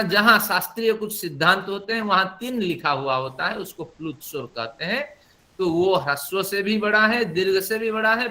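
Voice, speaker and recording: A man's voice: high voice, sharp tone. A middle-aged man teaching Sanskrit pronunciation for Vedic chanting, explaining step by step and demonstrating long vowels. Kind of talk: spoken Sanskrit pronunciation lesson.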